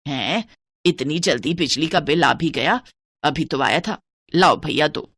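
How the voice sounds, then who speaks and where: A woman's voice: deep voice, measured pace, a bit bright, breathy edge, pitched below the performer's own voice, full character voice. A woman voicing a stingy, bossy middle-aged mother-in-law who nags and scolds in a cartoon story. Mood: alarmed scolding. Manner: scolding, penny-pinching nagging.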